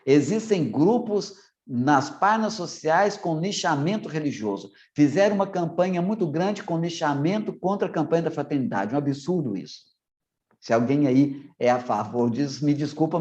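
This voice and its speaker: A priest with a Minas Gerais accent lecturing religious formators, talking fast and a little anxiously, swallowing syllables and stumbling over words. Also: male voice, on the high side, expressive, darkish tone, lo-fi sound. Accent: Minas Gerais Brazilian Portuguese. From Minas Gerais, Brazil. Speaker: priest and theology professor giving a formation talk. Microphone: video call.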